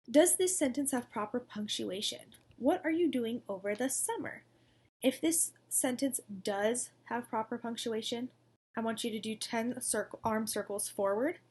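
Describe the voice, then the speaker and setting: A woman's voice: mid-range voice, a little mellow, husky. A young woman teaching a recorded lesson to second graders, in an upbeat, coaxing manner. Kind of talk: recorded distance-learning lesson.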